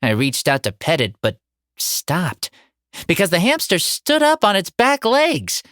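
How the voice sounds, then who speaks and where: Expressive woman narrating a comic audiobook. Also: on the low side, measured pace, no room sound, studio quality. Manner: expressive and dramatic, comic timing. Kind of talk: first-person horror comedy narration.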